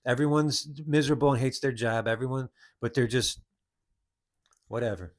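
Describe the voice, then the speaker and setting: A man talks through a personal story on his own podcast, circling back and restarting his sentences as he goes. His voice sits at an ordinary middle pitch, and the delivery is loose and conversational. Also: normal speed. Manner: rambling storytelling with frequent restarts. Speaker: podcast host. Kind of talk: casual monologue.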